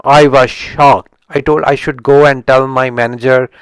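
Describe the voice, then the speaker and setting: A middle-aged Indian man hosts an unscripted book review on his channel, speaking English as a second language with an Indian accent. His medium-pitched voice is clear and resonant with little pitch movement, recorded dry, and he halts often, restarting and correcting himself.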